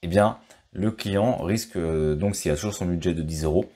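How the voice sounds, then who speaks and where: French male finance vlogger, low and mellow voice, loose unscripted delivery full of hesitations. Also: normal speed. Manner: thinks aloud with frequent fillers and restarts. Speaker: stock market youtuber. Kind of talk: casual explainer commentary.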